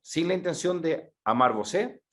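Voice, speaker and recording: Middle-aged Chilean male speaker, lively talk to an audience, slightly high pitch. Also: moderate pace. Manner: animated, repeats words for emphasis. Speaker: speaker presenting a methodology.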